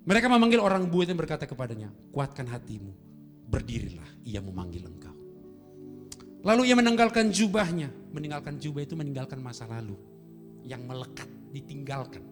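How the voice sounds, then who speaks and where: A man pastor preaching a sermon, animated, swinging between soft, quiet passages and loud emphasis. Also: on the high side. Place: church hall. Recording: long reverb in a church hall with music behind.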